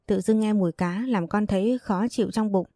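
A woman voicing a polite, gentle young pregnant wife in a read-aloud storybook. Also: mid-range voice, fairly quick, no echo, studio quality, natural voice. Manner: polite, soft-spoken.

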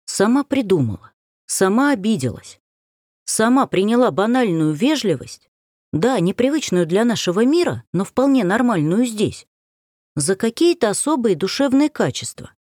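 A woman narrating a first-person novel as an audiobook, expressive and emotional. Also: mid-range voice, normal speed, slightly rough, no room sound, clean studio sound.

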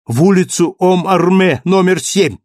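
A man voicing a frantic, passionate young man who shouts in impassioned outbursts in an audiobook reading. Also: high-pitched, a little slow, no room sound, studio quality, pitched above the performer's own voice. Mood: frantic excited.

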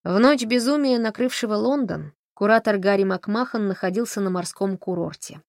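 A woman narrating an audiobook in an even, measured storytelling manner, close to the mic. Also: medium pitch, no echo. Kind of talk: scripted narration.

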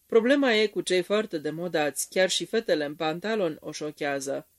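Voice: mid-range voice, lively intonation, dry recording, clean studio sound, close to an everyday voice. A reader voicing a cheerful young man talking eagerly.

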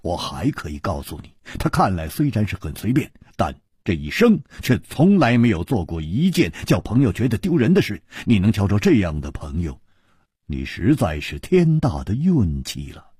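A male storyteller voicing a dry, sardonic swordsman friend, wry and low-spoken, with a husky voice. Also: wildly swooping pitch, moderate pace, dark tone, no room sound, exaggerated voice.

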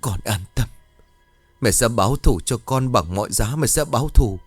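A man's voice: medium pitch, expressive, normal speed, slightly rough, dry recording, faint music behind. A man voicing a grieving young mother who wails and pleads, frantic and vengeful. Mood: cold, vengeful. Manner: pleading and wailing.

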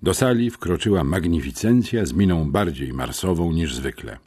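A man reading a children's audiobook aloud in a lively, expressive storytelling manner. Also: low-pitched, moderate pace, breathy edge. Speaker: audiobook narrator. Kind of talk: scripted narration.

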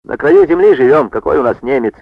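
A man's voice: mid-range voice, fairly quick, no room sound, natural voice. A man voicing a stern village chairwoman who speaks firmly and curtly. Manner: firm, clipped. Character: stern village woman, farm chairwoman, firm and curt. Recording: dull dry lo-fi recording.

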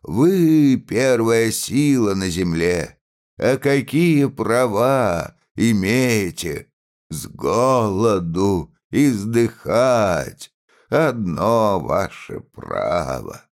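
A man voicing a defiant, beaten peasant who declaims to the crowd in a full, tight, ringing voice, slow and solemn. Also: on the low side, very animated, voice pushed up, heavily acted.

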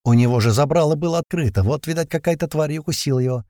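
A man narrating a first-person action audiobook, tense and urgent, loudly shouting the characters' lines. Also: fairly high pitch, rapid-fire, dry recording, studio quality.

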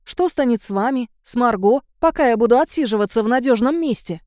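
A determined young woman, voiced by a woman narrator speaks firm and direct, without fuss. Her tone is mellow and warm. It is a dry, close audiobook recording. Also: on the high side, lively intonation, fairly quick, no room sound, close to an everyday voice.

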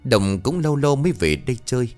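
A man reading a ghost story aloud in a dramatic, measured way. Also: medium pitch, lively intonation, darkish tone. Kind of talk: scripted ghost story narration. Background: faint music.

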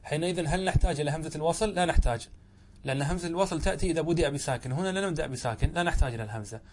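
A man with a somewhat high voice gives a grammar lesson as a sheikh and works through a classical text. He puts questions to the class and then answers them. He draws out each example word slowly and repeats it. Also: slight background noise.

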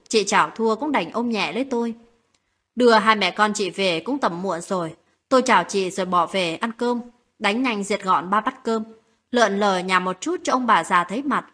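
A woman narrating a late-night romantic story in a calm, steady reading voice. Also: mid-range voice, breathy edge.

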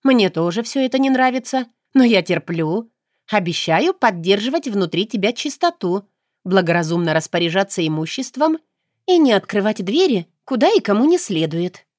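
Woman doing a stubborn snarky young girl, lively and fired up, audiobook. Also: normal speed, dry recording, clean studio sound, natural voice. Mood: indignant. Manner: lively, indignant, raised pitch. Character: sharp-tongued young woman, stubborn and sarcastic. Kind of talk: audiobook character reading.

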